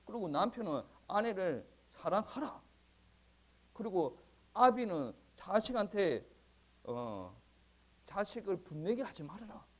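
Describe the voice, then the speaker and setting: A male pastor preaching a sermon in a conversational, animated way, often chuckling. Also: high voice. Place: church.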